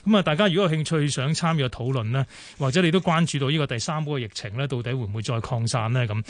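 A man with a Hong Kong Cantonese accent hosting a radio phone-in show, brisk and full of fillers. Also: mid-range voice, no room sound. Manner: brisk, many fillers and pauses. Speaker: radio talk show host.

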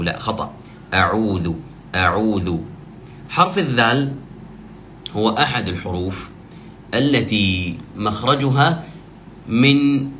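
A man teaching Quran recitation, slowly drilling each sound and repeating words for practice. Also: medium pitch, bright, forceful tone, slight background noise. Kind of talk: tajweed pronunciation lesson.

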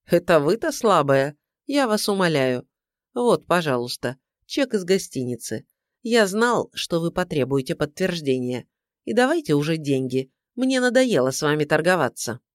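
A woman's voice: low voice, very animated, normal speed, no echo. A woman reading the part of a tired, sardonic male private detective in a dry, grudging manner for an audiobook. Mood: weary. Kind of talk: audiobook character voice.

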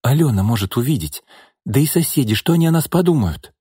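A man voicing a calm young woman who speaks in a gentle, soothing way. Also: mid-range voice, brisk, breathy edge, no echo, clean studio sound, pitched above the performer's own voice. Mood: pleading. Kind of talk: audiobook character voice.

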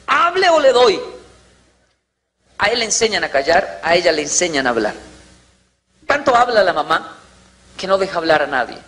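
Brief: bright-toned male motivational speaker, lively storyteller who acts out scenes. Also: on the high side, a little fast, long pauses. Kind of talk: motivational talk.

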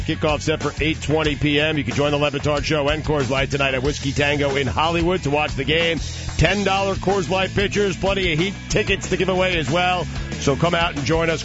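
Male sports-flash anchor, slightly high voice, dry and deadpan, heard through muffled AM radio with music behind. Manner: dry, deadpan news delivery, pushes back calmly. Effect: AM radio broadcast sound.

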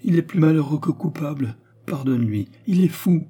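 A man raises his voice to play a grieving young wife in a spoken storybook, fragile and pleading, her words broken. The pitch rises high while the tone stays dusky and husky. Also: expressive, normal speed, dark tone. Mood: distraught. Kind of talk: audiobook character voice.

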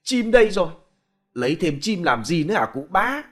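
A man's voice: high voice, sing-song, moderate pace, pitched above the performer's own voice. A man doing a cheeky, sly young peasant. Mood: mocking. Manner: mocking, sly, playful.

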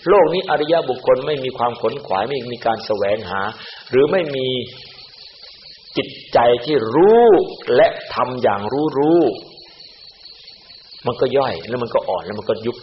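Male monk preacher, lively delivery, recorded dull with a faint hiss. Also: medium pitch, moderate pace, echoey room. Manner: animated, acts out other people's words in quoted voices. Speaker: Buddhist monk. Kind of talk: Dhamma sermon.

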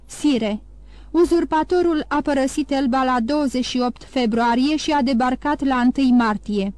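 A woman voicing a frightened male minister of police who pleads haltingly before his king. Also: sits high, darkish tone, no echo, close to an everyday voice. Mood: desperate.

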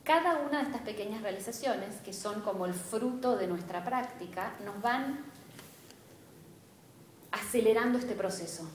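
A woman's voice: medium pitch, normal speed, a little hiss or hum. Rioplatense woman teaching, echoey room. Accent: Rioplatense Spanish. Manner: engaging, often checks in with the group. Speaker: spiritual teacher. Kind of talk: class lecture. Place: classroom with students present.

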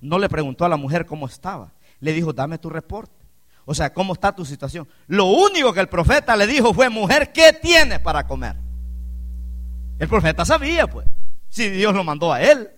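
A man delivering a sermon as pastor, his high, bright voice leaping around with lively pitch. He shifts from hushed storytelling into loud, emphatic swells, often calling his listeners brother. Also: normal speed. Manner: animated preaching with sudden loud emphatic swells; addresses listeners as "hermano".

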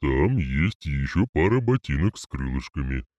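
Brief: man voicing a clay golem, deep rumbling voice, slow and formal, muffled lo-fi sound. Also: very animated, a little mellow, no room sound, heavily acted. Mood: solemn.

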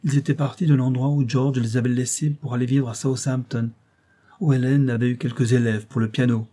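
Husky-voiced male audiobook narrator. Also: mid-range voice, steady tone, brisk, dark tone. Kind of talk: scripted narration.

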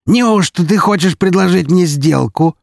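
A man's voice: medium pitch, moderate pace, creaky, breathy edge, no echo, studio quality, voice pushed up. A man voicing a scarred, cunning count with a mocking, gleeful manner. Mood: amused. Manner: mocking, gleeful, raised lively delivery.

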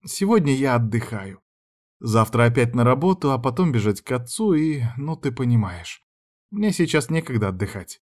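A man voicing a dramatic, excitable teenage girl who is the narrator's younger sister. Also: mid-range voice, normal speed, lightly acted. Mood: teasing. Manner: exclaiming, protesting, dramatic.

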